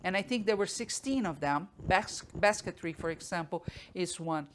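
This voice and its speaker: A woman's voice: lowish voice, lively intonation, normal speed, a little hiss or hum. A woman hosting a live online art business course, talking through ideas with frequent restarts and fillers, recorded at home on a desk mic.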